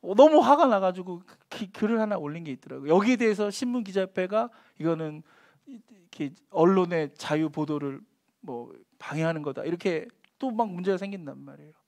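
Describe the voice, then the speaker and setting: A man preaching a sermon as pastor, dropping to hushed whispers and then rising to loud, emphatic lines, and acting out quoted taunts in a sneering voice. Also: high-pitched, animated, fairly quick.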